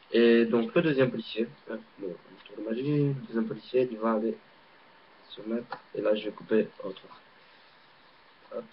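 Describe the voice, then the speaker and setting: Belgian guy showing a card trick, lowish voice, umms a lot, muffled webcam sound. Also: vocal fry. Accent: Belgian French. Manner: hesitant, rambling, many fillers. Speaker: amateur magician. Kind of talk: casual card-trick demonstration. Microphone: laptop webcam mic. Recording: dull lo-fi webcam audio, faint hiss.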